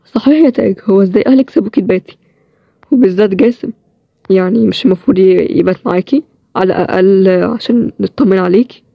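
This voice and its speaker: Woman doing a stubborn egyptian guy in a story series, plain low-key talk, dry close sound. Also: quick pace, creaky, no room sound, lo-fi sound. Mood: calm. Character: young man hero, tired and stubborn. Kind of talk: storybook role-play series.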